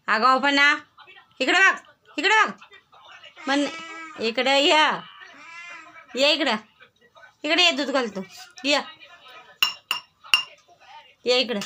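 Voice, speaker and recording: A woman's voice: high voice, bright, forceful tone, slight background noise. A woman vlogger talking to her pet in a casual way, mock-stern and coaxing, repeating short commands.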